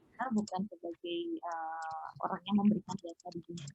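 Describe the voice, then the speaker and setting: A woman's gravelly voice comes through a dull, lo-fi video call from her home, with faint noise underneath. Her audio breaks up and cuts in and out while she asks questions in short, halting phrases as a webinar moderator. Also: on the high side, sing-song, a little mellow. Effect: call audio breaking up, cutting in and out. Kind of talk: online panel questions.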